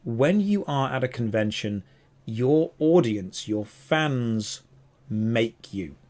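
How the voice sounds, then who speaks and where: A man's voice: mid-range voice, expressive, slow, a little mellow. A man co-hosting a casual podcast, talking enthusiastically and wandering off on tangents. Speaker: podcast co-host.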